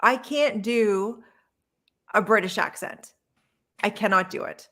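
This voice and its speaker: A woman chatting casually on a podcast, with a voice of middling pitch for a woman. She talks emphatically and now and then trails off into uncertainty. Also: slow pace, a bit bright. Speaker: podcast co-host. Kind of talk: casual chat. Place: lives in Canada.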